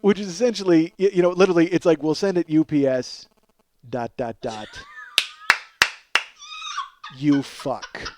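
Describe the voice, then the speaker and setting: A man in his forties with a fairly high pitch speaks at normal speed, with a little hiss or hum in the recording. He hosts a comedy podcast, telling a rambling, self-deprecating story with profanity and acting out both sides of conversations.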